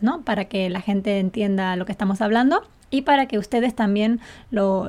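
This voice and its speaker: A woman with a lilt and a fairly high voice, co-hosting a relaxed podcast. She explains things patiently and breaks into easy laughter often. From Canary Islands. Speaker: podcast co-host and Spanish teacher. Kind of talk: casual chat.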